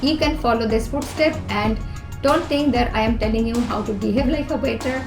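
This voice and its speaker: Woman, Bangladeshi English accent, earnest advice vlogger, slightly high voice, roomy echo. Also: normal speed. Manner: earnest, explains numbered tips with everyday examples. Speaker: youth organisation president and vlog host. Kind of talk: talking-to-camera advice vlog. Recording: echoey room with music behind.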